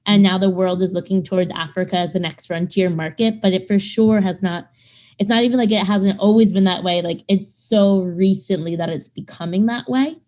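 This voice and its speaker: This woman in her thirties, a startup founder, speaks in a mid-range, steady, slightly mellow voice at a brisk pace. Chatty in a casual interview, she leans on fillers and performs the people she quotes.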